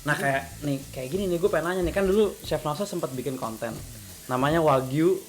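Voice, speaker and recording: A man's voice: a little high, a little fast. A young man with a Jakarta Indonesian accent chats casually as a guest, using slang and often repeating his phrases. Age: young adult. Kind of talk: casual chat.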